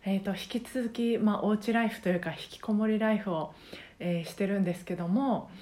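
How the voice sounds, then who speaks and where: A woman's voice: medium pitch, fairly even intonation, brisk, warm tone. A woman with a Kansai accent, a karaoke teacher talking casually and at length on her own podcast, rambling with many fillers. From Japan. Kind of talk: casual solo podcast chat.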